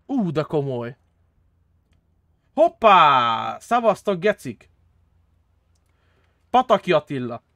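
A young man streaming a role-play game, chatting casually and excitably with friends, swearing often and jumping into high squeals. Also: long pauses, dry recording. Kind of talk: casual gaming chat with friends.

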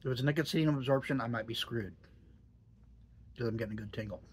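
A man's voice: mid-range voice, a little fast, breathy edge. A middle-aged man chatting casually in a vlog, musing and hesitant, with dry jokes. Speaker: tobacco reviewer.

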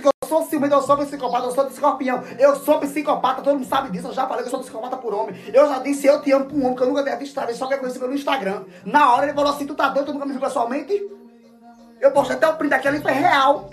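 A man in a casual phone story, talking straight to his viewers in a campy, dramatic, exclamatory way. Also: very high-pitched. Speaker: social media influencer.

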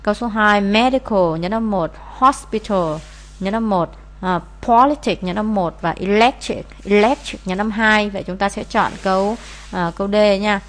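A woman's voice: medium pitch, moderate pace. A woman, teaching as she explains answers to an English test, with many "à" fillers. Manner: frequent "à" fillers, steady explaining.

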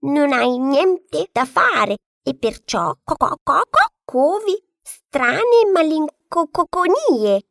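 A woman's voice: high voice, big pitch swings, very slow, vocal fry, hardly any pauses, fairly bright tone, dry recording, clean studio sound, voice pushed up, full character voice. A woman voicing a bossy, know-it-all hen who breaks into clucks as she talks. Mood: bossy clucking. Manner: stutters into clucks.

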